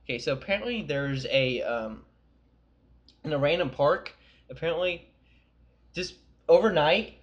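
A man's voice: a little high, expressive, a little slow, long pauses, highs cut off. A young man co-hosting a podcast, telling rambling, profane stories in casual chat. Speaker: podcast co-host.

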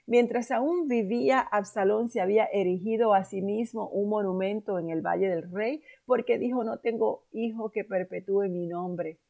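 A woman narrating a Bible story in a measured, calm storytelling manner. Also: medium pitch, creaky.

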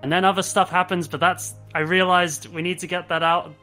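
A man's voice: sits high, flat delivery, a little fast, bright, forceful tone, soft background music. A young adult man in casual discussion as co-host of a review show.

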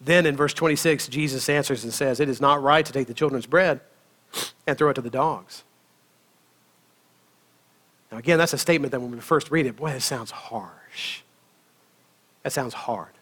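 A man's voice: medium pitch, brisk, pauses often. A man preaching a sermon in a conversational way, often checking in with his listeners and laughing as he tells stories. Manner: conversational, asks the congregation "right?" often; lively storytelling, laughs between phrases. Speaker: pastor.

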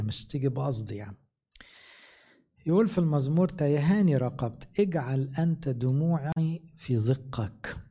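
Middle-aged male priest, Egyptian accent, mellow and gravelly, easy conversational sermon. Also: medium pitch. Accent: Egyptian Arabic. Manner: conversational preaching with slow scripture readings.

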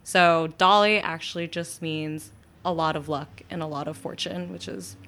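A woman's voice: sits low, steady tone, normal speed, a bit bright, slight background noise. A young woman from Brooklyn, a guest in an interview, telling her story in a chatty way with many fillers and restarts. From Brooklyn, New York.

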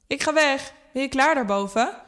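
A woman's voice: medium pitch, little pitch movement, moderate pace, mellow, lightly acted. A woman voicing a flirtatious boss in his forties. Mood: flirty.

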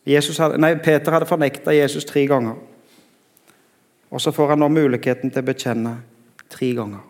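A middle-aged man preaching a sermon in a conversational way, often pausing to search for words. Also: fairly high pitch, fairly even intonation. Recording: long hall reverb.

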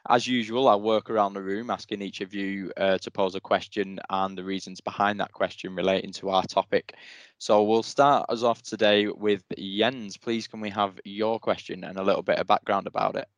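Low-voiced man hosting a podcast. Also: fairly even intonation, no echo. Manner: polite, brisk introductions. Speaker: podcast host. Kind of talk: hosted panel podcast.

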